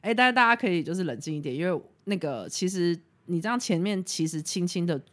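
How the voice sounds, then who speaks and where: A young woman chats through a casual podcast story. Her pitch swings up and down a lot, and she talks frankly, swears easily and laughs at her own mishaps. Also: quick pace. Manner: animated, frank, swears freely, laughs at herself. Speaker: podcast host.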